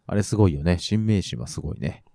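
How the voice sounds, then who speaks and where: Low, mellow man with mixed Nagoya-Kansai accent. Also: quick pace, vocal fry, dry recording, studio quality. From Nagoya area, Japan. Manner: agreeable, repeats affirmations. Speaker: podcast co-host. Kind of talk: casual chat.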